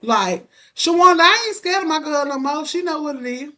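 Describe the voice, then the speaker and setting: A young woman chatting casually as an interview guest, telling animated stories full of playful mock threats. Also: high voice, normal speed. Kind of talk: casual chat.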